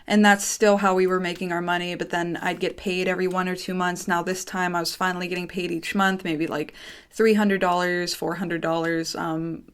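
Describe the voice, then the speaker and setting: A woman's voice: lowish voice, gravelly. A young American woman talking casually and informally to her viewers, nervous and dry-mouthed, rambling and drifting off topic. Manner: rambling, often breaking off and going off topic; informal, swearing. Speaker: YouTube creator. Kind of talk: casual personal monologue to viewers.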